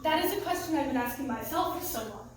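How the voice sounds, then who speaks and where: A woman's voice: high-pitched, animated, quick pace, a little hiss or hum. A teenage girl giving an earnest, emotional testimony talk at a church youth group, laughing nervously between lines. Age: teens. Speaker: youth group student speaker. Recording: echoey room, mic far off.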